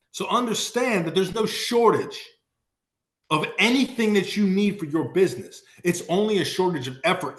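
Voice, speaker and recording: A man's voice: a little high, roomy sound. A man giving a motivational sales talk on a video call, emphatic and repeating his key phrases for punch. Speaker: sales coach and Marine.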